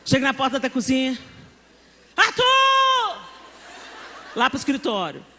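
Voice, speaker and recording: A middle-aged woman with a Brazilian accent preaching a sermon, telling family stories with animated acted-out dialogue. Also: high voice, fast talker. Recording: long hall reverb, faint background noise.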